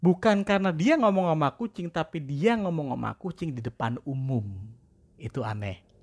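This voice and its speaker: A man's voice: fairly high pitch, expressive, moderate pace, a little mellow. A young man with chatting casually in a self-deprecating monologue. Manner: chatty, slangy, self-deprecating, mimics cat-talk voices.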